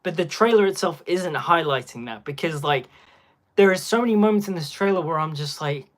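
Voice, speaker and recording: Give me a young man doing casual livestream commentary from his phone, rambling with lots of fillers, slightly higher voice. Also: fairly quick. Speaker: live stream host. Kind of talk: casual live-stream commentary.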